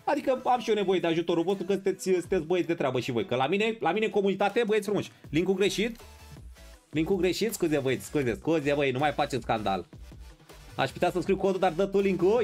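A man's voice: high voice, very animated, darkish tone, soft background music. A man streaming a football video game live, bantering with his chat and playing up mock outrage. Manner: banters and greets viewers in chat.

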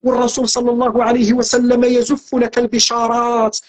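A man's voice: very high-pitched, monotone, brisk. Earnest Moroccan man preaching with repetition. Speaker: religious guest speaker. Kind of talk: spiritual teaching talk.

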